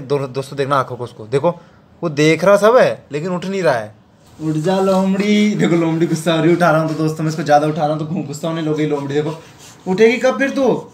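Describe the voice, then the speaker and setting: A man vlogging at home on a handheld camera, coaxing and teasing his dog in a playful, chatty way. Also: on the high side. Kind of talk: casual pet vlog narration. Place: home, indoors.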